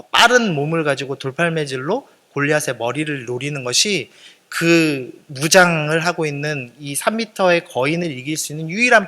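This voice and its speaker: A man's voice: a little high, pushed and bright, in a large hall. A male pastor preaching a sermon, earnest and explanatory, turning to the congregation with conversational asides and questions.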